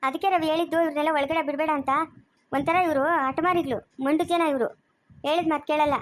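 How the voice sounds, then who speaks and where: Woman playing a scolding high-voiced house lady. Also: fairly even intonation, fast, slight background noise, close to an everyday voice. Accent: Kannada of Chikkaballapur area. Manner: scolding, commanding, sharp-tongued. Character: stern scolding lady of the house guarding the baby. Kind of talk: amateur family drama acting.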